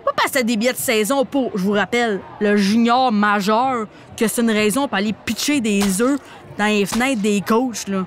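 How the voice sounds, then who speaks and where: A woman with a Québécois accent hosting a comic recap podcast, slangy and animated, playing a mock hockey coach. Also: mid-range voice, normal speed. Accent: Québécois French. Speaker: podcast host recapping a TV series.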